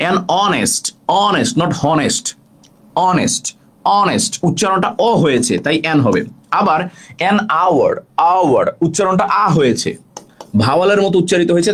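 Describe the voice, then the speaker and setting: A young man from Bangladesh tutors English grammar in a live online class, his voice rising and falling a great deal. His pitch sits a little high for a man. He explains step by step, asks a question, then answers it himself. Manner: explains slowly, asks and answers his own questions, repeats key points.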